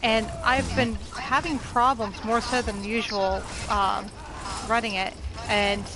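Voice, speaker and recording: A woman in casual gaming chat, explaining things to a teammate in an easygoing, halting, loosely worded way. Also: a little high, flat delivery. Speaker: video game player chatting with a teammate. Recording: clearly noisy game stream voice chat.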